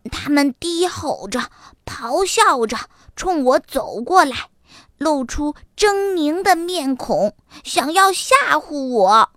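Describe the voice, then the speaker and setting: A woman voicing a bold, eager little boy fox in a children's storybook reading, excited and boastful. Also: sits high, takes it slowly, no echo, studio quality, full character voice.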